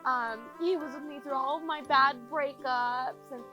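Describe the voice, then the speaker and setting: A woman's voice: sits high, fairly even intonation, measured pace. A young woman playing a sheepish twenty-one-year-old who rambles hesitantly and defends herself in a mockumentary interview. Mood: sheepish, defensive. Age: young adult. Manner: hesitant, giggly, rambling confessional. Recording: music clearly behind the voice.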